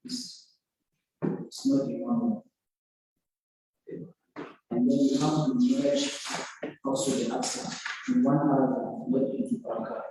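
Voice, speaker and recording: A man examining a student's thesis in an oral exam, halting and corrective, with many restarts. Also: mid-range voice, fairly even intonation, warm tone, slight background noise. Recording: echoey room from far off.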